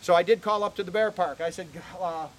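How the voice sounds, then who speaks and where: A man's voice: high voice, steady tone, brisk, a little hiss or hum. A man telling folksy stories to visitors while giving an outdoor tour of his animal ranch, chatty and full of "okay?" asides. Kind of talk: casual storytelling to visitors. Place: outdoors on a ranch near a barn.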